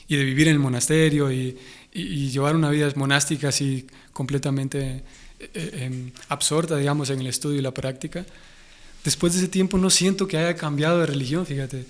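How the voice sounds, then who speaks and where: A young man with a Honduran Spanish accent, a guest in an interview, speaking thoughtfully and often restarting as he searches for words. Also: on the high side. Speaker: interview guest, Hare Krishna devotee. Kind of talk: conversational interview.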